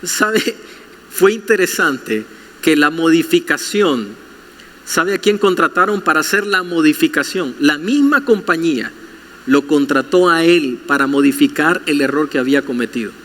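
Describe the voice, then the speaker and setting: A male pastor preaching in a high, bright, forceful voice, turning to his congregation with question after question. His words ring out with the long reverb of a big church hall. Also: animated, normal speed. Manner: addresses listeners directly with rhetorical questions. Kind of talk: sermon.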